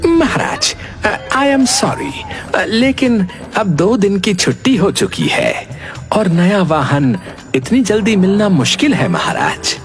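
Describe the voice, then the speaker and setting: A man's voice: sits high, sing-song, slow, faint music behind, exaggerated voice. A man voicing a hesitant, deferential, apologetic record keeper of the gods in a cartoon. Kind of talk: Hindi cartoon dialogue.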